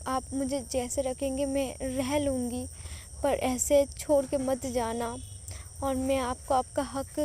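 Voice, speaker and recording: A woman's voice: high-pitched, warm tone, slight background noise. A woman voicing a shy, pouting young pregnant wife in a storybook audio drama. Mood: tender.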